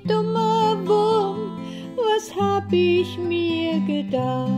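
A woman singing as a tearful little bookworm lost in the snow, in a slow, plaintive children's song with guitar. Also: extremely high pitch, pitched above the performer's own voice, exaggerated voice. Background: guitar accompaniment.

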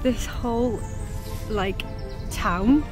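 A British woman chatting excitedly in a casual travel vlog, outdoors in a small town, saying "like" a lot. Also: on the high side, extremely slow, music in the background. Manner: chatty, excitable, says "like" often. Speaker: vlogger.

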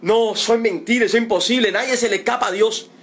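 A man's voice: sits high, fairly bright tone. A middle-aged Cuban man, a father of a detained protester, making an emotional, indignant and repetitive appeal in a livestream. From Cuba. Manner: pleading, indignant, repetitive, drawn-out emphasis.

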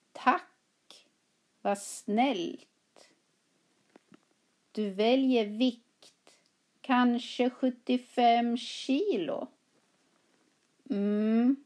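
Lady teacher reading a practice dialogue, slow and super clear, warm mellow voice. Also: medium pitch. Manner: carefully articulated, reads both parts of a dialogue. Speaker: Swedish teacher.

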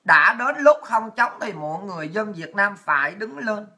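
A woman's voice: medium pitch, lively intonation, normal speed, pushed and bright. A woman delivering a blunt, crude, fiery political rant to her viewers, swearing freely. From Vietnam. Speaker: political commentator.

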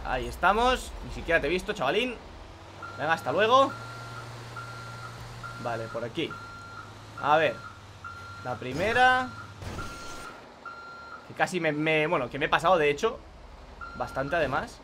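Exasperated young Spanish gamer, high lively voice. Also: male voice, unhurried, pauses often, background noise. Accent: Spain Spanish. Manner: exasperated, swears a lot, talks to viewers. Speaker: gaming youtuber. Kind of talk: live gameplay commentary.

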